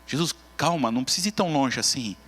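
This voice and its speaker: A preacher acting as Marta, a brisk fixer. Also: male voice, medium pitch, lively intonation, pushed and bright. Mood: complacent. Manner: brisk, complacent, reassuring. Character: bustling self-assured woman who fixes everything. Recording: long church reverb.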